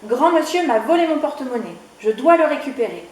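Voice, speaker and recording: A woman voicing a small, brave male chick in a children's storybook reading, calling out in a high voice. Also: lively intonation, fairly quick. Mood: hurried. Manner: high, cries out loudly. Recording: echoey room.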